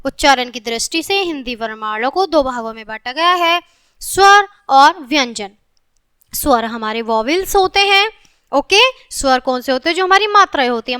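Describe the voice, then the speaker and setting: A woman teaching a grammar lesson to children, explaining step by step, slowly stretching each sound she names and often saying "okay". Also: high-pitched, sharp tone, no room sound, clean studio sound.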